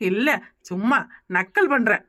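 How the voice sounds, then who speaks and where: A woman with a Kanyakumari Tamil accent voices a teasing, joking village woman in a family cartoon. Her voice is high and bright, and she talks briskly. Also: no echo, studio quality. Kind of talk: animated village cartoon dialogue.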